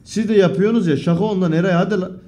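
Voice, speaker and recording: A young man streaming live, casually reading out his viewers' messages, cursing freely and breaking into loud outbursts. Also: sits high, racing. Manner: profane, swearing often, loud outbursts.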